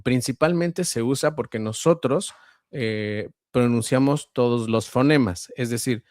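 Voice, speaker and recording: Male voice-over guest with a central Mexican accent, mid-pitched, dry close sound, measured and explanatory. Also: a little mellow, no room sound. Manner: measured, explanatory, frequent hesitations. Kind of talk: conversational interview answers.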